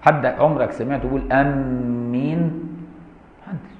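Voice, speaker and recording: A man's voice: medium pitch, steady tone, normal speed. A man with an Egyptian accent teaching Islamic law to a class, reading a text and adding colloquial, mocking asides. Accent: Egyptian Arabic. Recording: roomy lo-fi lecture hall recording.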